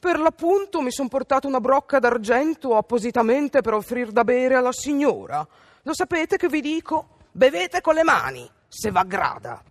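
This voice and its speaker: A woman's voice: sits high, big pitch swings, normal speed, dry recording, clean studio sound, voice pushed up. A woman doing a sneering haughty girl. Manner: sneering, grumbling. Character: rude, haughty young girl.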